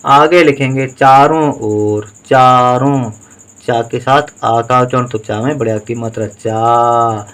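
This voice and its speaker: Male teacher, slow and deliberate, clear smooth voice, patient syllable-by-syllable dictation. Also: medium pitch, fairly even intonation, fairly bright tone. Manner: patient, sounds out each syllable and vowel sign. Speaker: Hindi writing teacher. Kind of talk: slow spelling dictation lesson.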